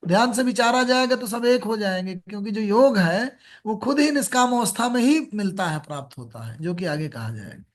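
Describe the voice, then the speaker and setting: A middle-aged man giving a measured spiritual discourse, explaining scripture and reciting Sanskrit verses. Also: high voice, expressive. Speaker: Gita speaker.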